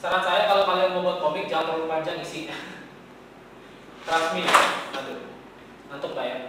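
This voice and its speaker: A man's voice: a little high, moderate pace, very noisy. A man teaching a classroom lesson in a chatty way, often quizzing his students. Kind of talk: classroom lecture. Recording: echoey classroom from far off.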